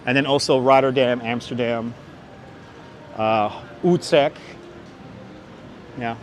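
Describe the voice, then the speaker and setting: A man's voice: medium pitch, takes it slowly. A man with a thick Brooklyn accent chatting casually to viewers as he hosts a live walking tour outdoors in the city. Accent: thick Brooklyn, New York. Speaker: livestream walking tour host. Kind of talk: casual live-stream chat and street commentary. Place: outdoors on busy Manhattan streets, walking. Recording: clear city traffic noise outdoors. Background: street ambience and vehicles.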